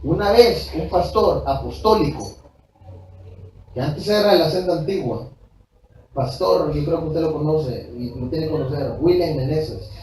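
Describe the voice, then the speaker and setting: High-voiced pastor preaching in an echoey church. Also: male voice, measured pace, a little mellow, slight background noise. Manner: emphatic, repetitive, speaks directly to the congregation; tells personal anecdotes in a conversational preaching tone. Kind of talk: preached sermon. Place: church hall. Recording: echoey church recording from far off.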